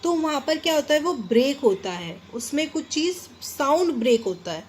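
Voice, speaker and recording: A woman with an Indian English accent teaching a grammar lesson, explaining slowly in English, then quickly in Hindi, and stressing each example word. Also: high voice, very animated, slight background noise. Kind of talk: classroom lesson.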